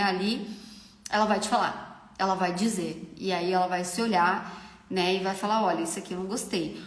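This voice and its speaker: A young Brazilian woman with a Brazilian Portuguese accent, a makeup artist hosting a live stream and giving frank, chatty advice. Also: medium pitch. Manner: chatty, frank, often asks "entendeu?". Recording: echoey room.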